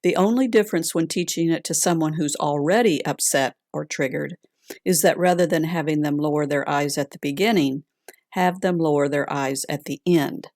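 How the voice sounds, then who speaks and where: A woman instructor leading a calm grounding exercise in a gentle, deliberate way. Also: low voice, no room sound, clean studio sound. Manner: slow, gentle, deliberate with long pauses.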